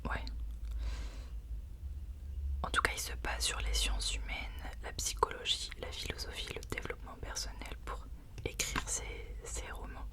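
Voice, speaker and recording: Someone speaking in a hushed, unvoiced library whisper, sharing and reading books in an informal ASMR style. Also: moderate pace. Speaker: ASMR host. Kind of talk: whispered ASMR book recommendations and reading aloud.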